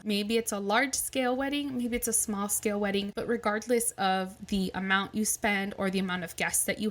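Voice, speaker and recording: A woman from Southern California, a wedding planner hosting her own podcast and giving chatty, encouraging advice. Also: mid-range voice. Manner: upbeat and encouraging, chatty with small restarts. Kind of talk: solo podcast advice talk.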